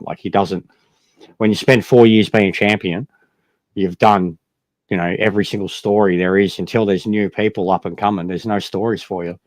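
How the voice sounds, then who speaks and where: Emphatic low-pitched man debating casually. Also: dry recording. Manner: opinionated, emphatic, repeats points, swears casually. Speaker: wrestling talk show co-host. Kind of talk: casual sports fan debate.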